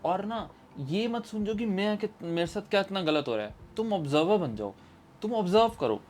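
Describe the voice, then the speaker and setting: A chatty man talks through casual advice in an informal, easygoing way, slipping into relatives' voices as he goes. Faint music plays quietly underneath. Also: high-pitched, expressive, moderate pace. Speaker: advice vlogger.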